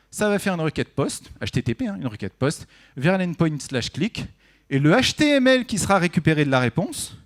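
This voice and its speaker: A man giving a conversational technical talk at a conference, often asking the audience questions. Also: a little high. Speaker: conference speaker. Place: conference room.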